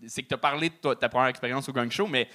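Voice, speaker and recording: A man's voice: medium pitch, fast, pushed and bright. A man with a Québécois French accent, teasing a comedian in casual critique banter as a co-host. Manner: teasing, chatty.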